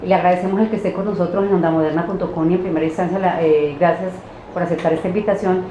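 Woman interviewer, low mellow voice, hesitant, full of fillers. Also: steady tone. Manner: halting, many fillers. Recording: dull, roomy, faint noise.

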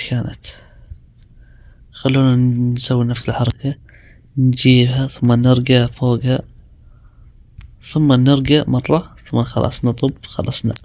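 A young man, chatting his way through a video game and talking himself through each move with quick exclamations. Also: mid-range voice. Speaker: gaming video creator. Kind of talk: casual gameplay commentary.

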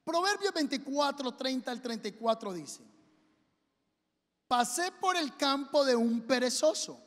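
A man's voice: extremely high pitch, sing-song, unhurried, a bit bright. A man preaching a sermon as pastor, telling a story and acting out its voices, with the congregation asked to repeat his words. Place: church hall. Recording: reverberant church hall.

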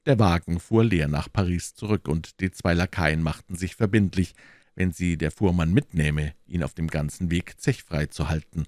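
A man reading a classic novel aloud as an audiobook narrator, expressive and storytelling. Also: deep voice, normal speed, dry recording, clean studio sound. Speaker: audiobook reader.

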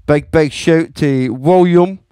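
A man's voice: a little high, slow, dark tone, smooth, no echo. A Scottish man hosting a casual radio show, sweary and repeating himself as he talks. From Scotland. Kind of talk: casual chat.

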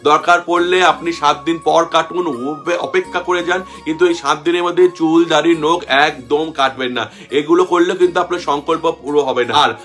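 Guy explaining rituals to his viewers, keeps repeating himself, kinda higher voice. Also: fairly even intonation, normal speed, few pauses, fairly bright tone, faint music behind. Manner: repetitive, emphatic, mimics viewers' questions. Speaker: channel host giving ritual advice. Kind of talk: instructional talk to viewers.

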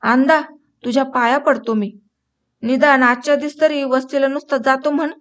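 A woman's voice: high-pitched, fairly even intonation, moderate pace, a bit bright. A woman reading the lines of a distressed village mother pleading for her son in a storybook.

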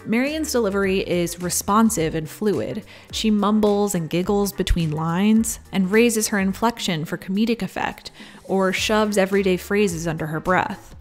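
A woman's voice: medium pitch, moderate pace, soft background music. A woman narrating a scripted video essay as host, conversational with wry asides.

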